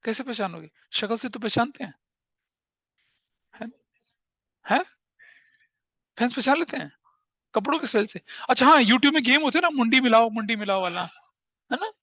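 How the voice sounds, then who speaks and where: A man's voice: very high voice, moderate pace, long pauses, dry recording, lo-fi sound. A man teaching a class, telling stories with energy and asking his students questions. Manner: animated storytelling, asks the class questions. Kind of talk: classroom lecture.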